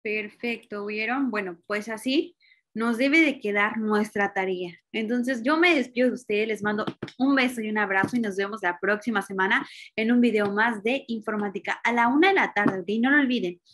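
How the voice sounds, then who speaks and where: A woman's voice: medium pitch, normal speed, a bit bright. A woman with a Mexican Spanish accent closing an online class with an affectionate farewell. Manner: affectionate, reassuring. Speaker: computer teacher. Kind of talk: class sign-off.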